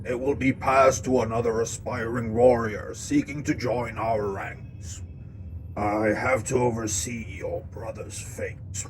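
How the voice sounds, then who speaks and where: A man voicing a stern older warrior-priest who makes slow, solemn pronouncements. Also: mid-range voice, flat delivery, a little hiss or hum, close to an everyday voice, rough recording. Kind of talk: audiobook-style story narration.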